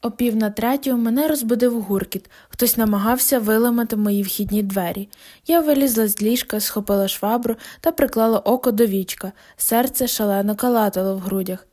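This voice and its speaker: A woman reads a novel aloud in first person, with a steady, gently wry delivery. Her voice sits a little high and sounds soft and mellow. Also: fairly quick. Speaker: audiobook narrator. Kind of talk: audiobook narration.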